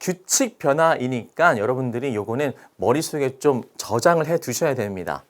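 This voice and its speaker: A man teaching an English grammar lesson to students, often checking in with "okay?" and "right?", and sounding out English words slowly. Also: medium pitch, expressive. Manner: stretches out English words when sounding them out.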